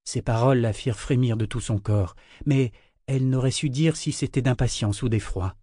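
A man narrating an audiobook in a measured, steady reading. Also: medium pitch, dry recording, clean studio sound.

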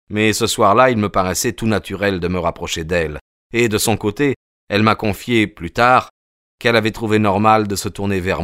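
A man narrating a novel as an audiobook in a measured, literary way. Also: fairly low pitch, a bit bright, clean tone, dry recording, clean studio sound.

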